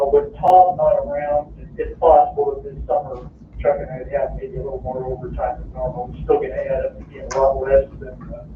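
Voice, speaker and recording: A man's fairly high voice comes through a speakerphone, muffled and dull, heard from across an echoey room with a faint hiss. He talks in a hesitant, hedging way, full of "uh" and "kind of.". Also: distant mic. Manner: hesitant, hedging, many fillers. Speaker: water plant staff presenting a budget. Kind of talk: casual meeting report.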